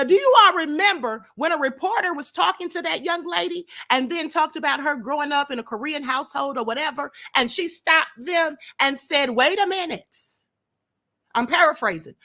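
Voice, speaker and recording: A middle-aged woman fires rhetorical questions at the audience of her own livestream, sharing opinionated commentary with the chat. Her voice sits high and sounds animated and sharp, and she talks fairly quickly.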